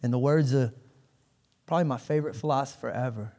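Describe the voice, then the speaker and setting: Male stand-up comic; animated storytelling on a handheld mic with long club reverb. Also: medium pitch, fast talker. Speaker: stand-up comedian. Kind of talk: stand-up comedy. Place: comedy club stage.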